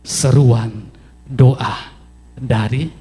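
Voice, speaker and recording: A man's voice: mid-range voice, steady tone, drawn-out words, dark tone, breathy edge, big-room sound. A man pastor preaching a sermon emphatically, with sweeping rises and drops and repeated phrases for emphasis.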